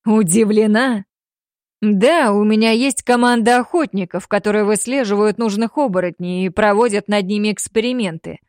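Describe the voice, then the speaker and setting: A woman voicing a ruthless male werewolf clan alpha in an audiobook, barking threats slowly and loudly. Her delivery is drawn out and domineering. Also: mid-range voice, no room sound, clean studio sound, close to an everyday voice. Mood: menacing. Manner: barking, threatening, slow and loud. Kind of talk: audiobook character voice.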